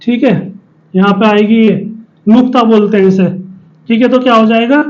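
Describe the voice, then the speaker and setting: A man's voice: high-pitched, fairly even intonation, normal speed, dull audio. A man teaching a spelling lesson, explaining step by step and often asking questions and answering them himself. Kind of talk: spoken Hindi spelling lesson at a board.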